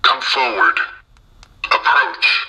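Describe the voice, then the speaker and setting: Kylo Ren via mask voice changer. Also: male voice, medium pitch, lively intonation, drawn-out words, pushed and bright, heavily acted. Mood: cold commanding. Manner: clipped, menacing canned phrases. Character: masked male villain, cold and commanding. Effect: mask voice changer, played back from a soundboard.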